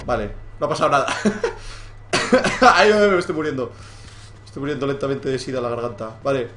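A young man with a Spain Spanish accent giving live gameplay commentary as a streamer, excitable and joking, swearing freely as he plays. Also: mid-range voice, fairly quick, over music. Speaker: gaming streamer.

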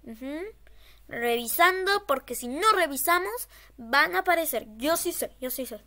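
A woman's voice: high voice, expressive, normal speed, bright, forceful tone. A woman horror game streamer giving casual, scared gameplay commentary, nervously repeating short phrases.

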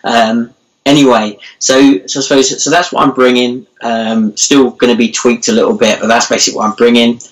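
A man hosting an easygoing chat at a mid-range pitch. He leads the talk loosely, leaning on ums and likes as he frames questions. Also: flat delivery, brisk, low-quality recording. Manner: many fillers, leads the conversation. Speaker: show host. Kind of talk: casual chat.

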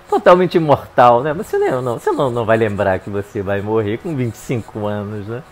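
An older man, a clinical psychologist, giving a slow reflective monologue full of tag questions. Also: on the low side, big pitch swings, darkish tone, a little hiss or hum. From Brazil. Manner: unhurried, musing, tag questions.

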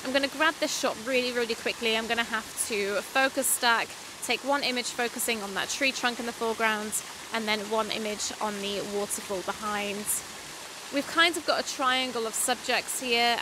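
A young woman from Britain vlogging outdoors about waterfall photography in a wooded gorge, chatty and self-deprecating. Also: on the high side. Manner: chatty, self-deprecating, talks while hiking. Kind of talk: casual on-location vlog and voice-over narration. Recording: outdoor hiss with water noise. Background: rushing stream and waterfall.

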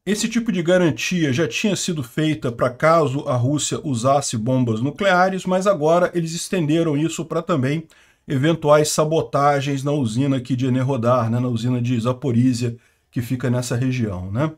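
A man's voice: medium pitch, moderate pace. A man from Brazil hosting a news commentary on the war, talking informally and with strong opinions, often ending sentences with a questioning tag. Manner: informal, opinionated, frequent "né?" tags. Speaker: host of a war news channel. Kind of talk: news commentary over a map.

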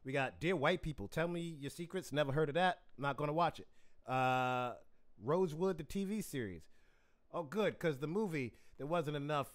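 Brief: male host in his 30s, animated pitch, teasing, laughs a lot. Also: normal speed. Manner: joking, teasing, laughs often. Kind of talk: casual interview banter.

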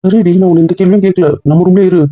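A young man in casual couple banter, scolding and teasing with rapid-fire questions. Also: high-pitched, little pitch movement, dry recording. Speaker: husband in a couple vlog skit. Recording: dull, dry lo-fi audio.

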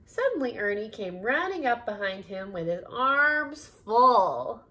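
A woman reading a children's picture book aloud, animated, with giggly asides to her listeners. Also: a little high, measured pace. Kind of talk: storybook read-aloud.

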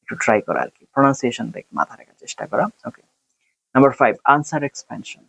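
A man teaching an IELTS speaking lesson over a computer screen, switching between quick explanation and slowly read English example answers. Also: medium pitch, animated, vocal fry, fairly bright tone, breathy edge, no echo. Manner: reads English model answers slowly and deliberately. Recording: dry, dull lo-fi recording.

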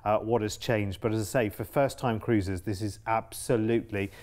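A man's voice: lowish voice, fairly even intonation, moderate pace, darkish tone. A man with an English accent presenting cruise deals on a shopping channel, upbeat, doubling words for emphasis. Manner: upbeat sales patter, repeats words for emphasis.

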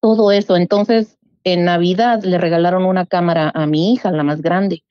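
A middle-aged woman, telling a true story in a casual, animated way and acting out the voices she quotes. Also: on the low side, moderate pace, clean tone, dry recording. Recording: dull lo-fi dry sound.

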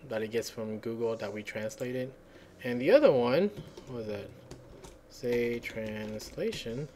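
A man's voice: mid-range voice, a little hiss or hum. A man hosting a casual screencast tutorial, rambling and thinking aloud as he searches for words. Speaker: software tutorial host. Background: computer keyboard typing.

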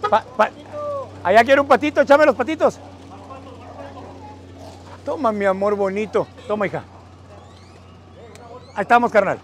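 A man's voice: sits high, normal speed, pauses often. A middle-aged man with a northern Mexican accent campaigning on the street, chatting in affectionate slang and calling out to passers-by. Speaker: political campaigner. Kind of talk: casual street campaigning chat. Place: outdoors on a dusty neighborhood street. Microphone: phone held by someone a few meters away. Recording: noisy outdoor street, phone video.

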